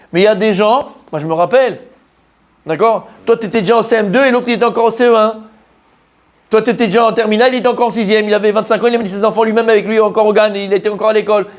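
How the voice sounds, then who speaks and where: A rabbi with a high, bright-sounding voice delivers a spirited Torah lesson in French. He speaks straight to his listeners and peppers his speech with Hebrew phrases. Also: fast. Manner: animated, addresses listeners directly, mixes Hebrew terms into French. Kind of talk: Torah lesson, lively sermon.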